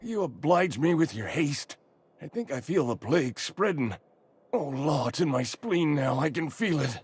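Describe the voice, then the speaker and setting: Doleful, ailing old hypochondriac, swinging pitch. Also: male voice, very animated, normal speed, breathy edge, heavily acted. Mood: anxious, pleading. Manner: theatrical, doleful, old-fashioned turns of phrase. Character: fretful ailing hypochondriac old man convinced he's dying of plague. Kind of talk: video game character dialogue.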